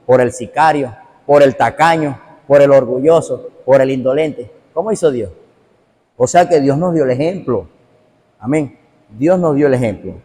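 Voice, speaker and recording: A man's voice: medium pitch, mellow. A man, a pastor, preaching a sermon emphatically and repetitively, calling straight out to his listeners. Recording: long hall reverb.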